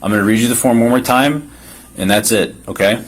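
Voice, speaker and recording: Speaking at a fairly quick clip with a medium-pitched voice, this male officer reads out a legal form formally. His instructions come across as firm, procedural, and insistent, recorded on a body cam with a faint noise floor.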